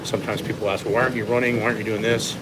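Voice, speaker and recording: Guy w a lowish voice walking on a treadmill while he chats fitness coach stuff to a livestream, noisy machine going behind him. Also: rapid-fire. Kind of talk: casual livestream chat answering viewers. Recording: loud steady treadmill machine noise. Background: treadmill running noise.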